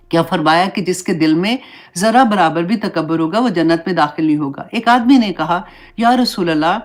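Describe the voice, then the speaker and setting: Low-voiced woman teaching a religion class. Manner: conversational, mixes English words into explanations. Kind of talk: Islamic class lesson.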